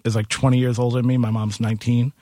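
A man's voice: mid-range voice, little pitch movement, quick pace, mellow, dry recording. Casual man telling stories. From Queens, New York. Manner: informal, conversational storyteller slipping into quoted dialogue. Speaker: bar and music venue owner, interview guest. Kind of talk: casual interview storytelling.

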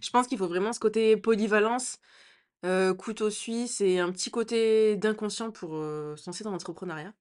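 A woman's voice: medium pitch, moderate pace, a little mellow. A young woman co-hosting a casual chat podcast, frank and hesitant, with many fillers. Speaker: podcast co-host.

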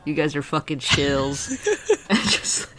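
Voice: mid-range voice, slow, background noise. A co-host playing a tabletop game, chatting casually, swearing freely and laughing often. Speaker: player and co-host.

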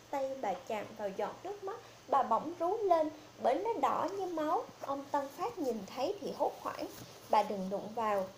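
A woman's voice: sits high, a little mellow, a little hiss or hum. A woman reading out a horror story as a storyteller, playing all the characters herself with little change of voice.

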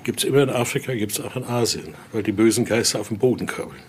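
An older museum guide, interviewed in an indoor exhibition room, talks fast in a lowish voice. He explains and tells stories spontaneously like a tour guide, sprinkling in little questioning tags. Noisy room ambience is clearly audible.

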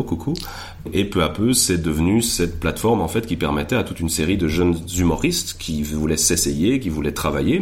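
A man with a hoarse, gravelly voice, explaining things casually as an interview guest. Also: a bass voice. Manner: explanatory, conversational. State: hoarse from a morning after sinusitis. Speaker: interview guest, stand-up platform co-founder.

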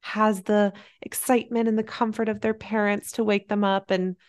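A young woman co-hosting a casual podcast chat, gentle and supportive in a reflective way. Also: mid-range voice, little pitch movement, normal speed. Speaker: podcast co-host.

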